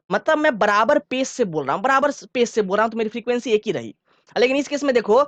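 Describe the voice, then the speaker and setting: A man with a high-pitched voice runs an online science class for school students, breaking things down step by step. He informally repeats key phrases and regularly asks if they've understood; the audio has no echo and sounds muffled.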